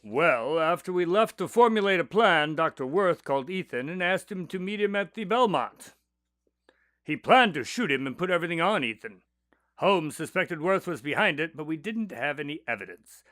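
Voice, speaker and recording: A man plays a detective's doctor companion in a radio drama. He recounts cases conversationally, with varied intonation and a slightly high pitch. The recording is dry. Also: expressive, moderate pace, fairly bright tone, dry recording.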